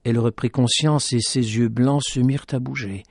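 A man hosting a radio program, reading a story aloud in a measured, dramatic way. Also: mid-range voice, steady tone, vocal fry, breathy edge, no room sound, studio quality. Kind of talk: scripted story narration.

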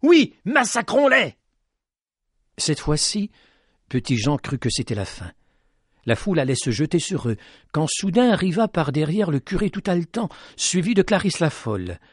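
A man narrating a tale in an expressive, dramatic reading style. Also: fairly high pitch, normal speed, breathy edge, no room sound, studio quality. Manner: dramatic, rising with tension. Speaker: storyteller.

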